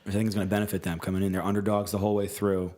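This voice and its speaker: Young Philly guy, lowish voice, stop-start casual podcast banter. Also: level tone, a little mellow. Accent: Philadelphia. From Philadelphia. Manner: halting, restarts often, reads aloud. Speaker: podcast co-host. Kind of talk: casual chat.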